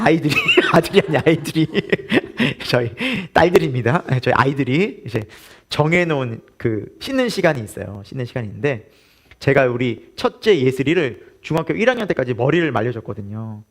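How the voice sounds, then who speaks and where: A man's voice: mid-range voice, expressive, normal speed. A man in his forties preaching a sermon as pastor, telling a family story with laughter and asking the congregation questions.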